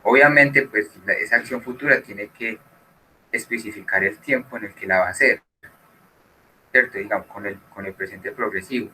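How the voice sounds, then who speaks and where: A man's voice: on the low side, moderate pace, bright, forceful tone, a little hiss or hum, rough recording. A man teaching an English class who explains patiently and switches between Spanish and English.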